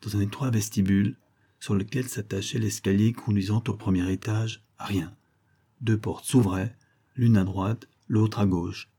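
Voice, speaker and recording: A man reading a classic crime novel as an audiobook narrator, in a measured, phrase-by-phrase delivery. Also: lowish voice, fairly even intonation, warm tone, slightly rough. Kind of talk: scripted literary narration.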